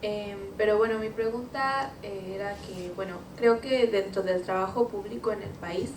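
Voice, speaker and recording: A woman's voice: mid-range voice, normal speed. A woman from the audience asking a question, polite and hesitant. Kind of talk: questions from the floor. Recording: echoey room, distant mic, noise.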